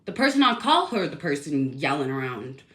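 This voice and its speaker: A woman's voice: low-pitched, very animated, fairly quick, bright, forceful tone. A woman telling a personal complaint story in a casual, rambling, indignant way, full of fillers.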